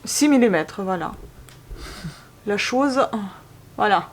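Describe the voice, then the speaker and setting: A woman's voice: medium pitch, expressive, slow, slight background noise. A woman vlogging casually while building a craft, joking and grumbling with lots of asides. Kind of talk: casual chat vlog.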